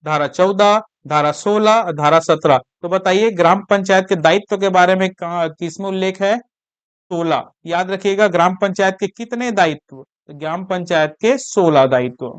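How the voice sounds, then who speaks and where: Coughing teacher drilling exam facts. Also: male voice, high-pitched, moderate pace, clear, resonant tone, no room sound. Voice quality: repeats key points, drills facts. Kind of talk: exam-prep lecture.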